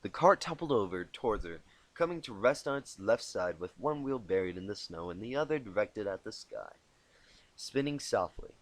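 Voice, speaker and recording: An amateur fan fiction reader narrates a story informally on a cheap home microphone, adding asides, poking fun at himself and stumbling then correcting as he goes. His voice is lowish and animated, at a moderate pace with no echo.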